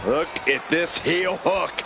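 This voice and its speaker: A man's voice: a little high, takes it slowly. A man calling wrestling play-by-play as a commentator, in a dramatic, emphatic delivery over a noisy arena. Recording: loud arena noise behind.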